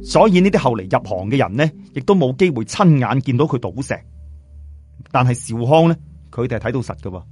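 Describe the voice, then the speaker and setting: Music plays beneath a male Cantonese-accented audiobook narrator from southern China as he tells a scripted story with animation and colloquial flair. Medium in pitch and brisk, with a breathy edge, he uses swooping intonation in the expressive traditional storyteller style.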